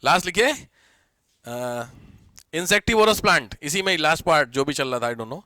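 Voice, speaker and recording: A man's voice: a little high, expressive, normal speed, bright, forceful tone, no room sound. A man teaching an online class, chatty and teasing, mixing English terms into his explanations.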